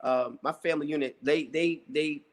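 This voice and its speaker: Rambling male interviewer, slightly high voice. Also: fairly even intonation, normal speed. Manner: rambling, hesitant questions full of "you know" and "uh". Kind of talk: casual interview talk.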